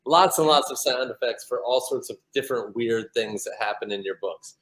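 A man's voice: medium pitch, normal speed, a bit bright, rough recording. Upbeat man asking playful questions. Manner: upbeat, playful questioner who laughs often. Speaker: interviewer. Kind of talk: casual interview.

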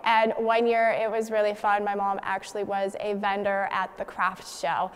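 A woman's voice: mid-range voice, monotone, moderate pace, clean tone. A young woman, a business manager, giving a chatty holiday greeting with some fillers in a large indoor hall on a lapel mic. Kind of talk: casual holiday greeting to camera. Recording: reverberant hall.

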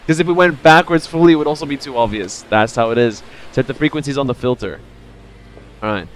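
A man's voice: mid-range voice, quick pace, a little hiss or hum. A man in his thirties giving casual, playful live gameplay commentary, thinking aloud as he streams. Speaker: video game streamer.

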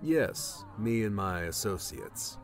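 A man's voice: lowish voice, animated, slow pace, faint music behind. A man voicing a stern, determined young man with a clipped manner in an audiobook. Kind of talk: audiobook character voice.

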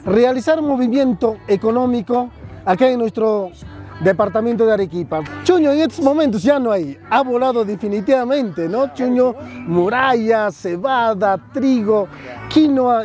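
A man's voice: very high-pitched, animated, moderate pace, darkish tone, soft background music. A man, a municipal official at an outdoor fair giving an earnest press interview, listing items and adding tag questions. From southern Peru.

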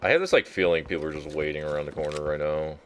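A man's voice: a bass voice, fast talker, a bit bright, slight background noise. A man streaming a game live, chatting to a viewer in a nervous, profane, casual way. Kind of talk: casual live gameplay commentary.

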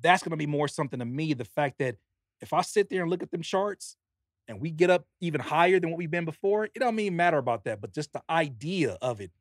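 Rap guy on a podcast, kinda high voice, dry close sound, talks fast and fired up about his album. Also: no echo. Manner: earnest, animated, pitching his pre-order bundle. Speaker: guest rapper and producer. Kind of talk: casual podcast chat.

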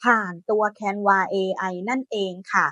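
A woman hosting a software tutorial, chatty and friendly, talking her viewers through each step. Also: medium pitch, fairly even intonation, unhurried, no room sound. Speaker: AI tutorial host. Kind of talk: screen-recorded software tutorial.

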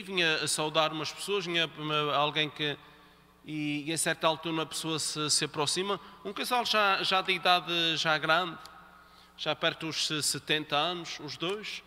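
A man's voice: a little high, a little slow, bright, forceful tone. A man preaching a sermon at Mass, talking conversationally and repeating key phrases for emphasis. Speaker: priest. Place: church. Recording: reverberant church hall.

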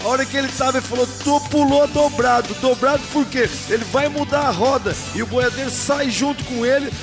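A man's voice: extremely high pitch, fairly quick. A middle-aged man with a Brazilian accent analysing rodeo rides live, explaining emphatically in colloquial speech. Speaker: rodeo commentator, former rider. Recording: music behind live commentary. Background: music.

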